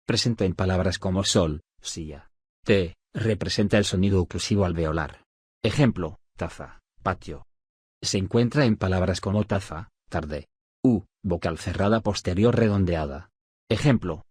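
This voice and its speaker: Low, husky male narrator for a study audiobook; steady dictation pace, dry close recording. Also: no echo. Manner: measured, list-like dictation with pauses. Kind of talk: scripted reading of spelling rules.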